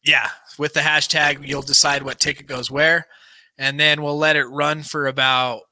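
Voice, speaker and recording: The podcast host's voice is fairly high, bright and forceful, with little pitch movement and a moderate pace, yet worn and dry because he's losing it. He reads a book aloud, then chats casually and earnestly, using a large studio mic on a boom arm in his small home studio with a banner backdrop.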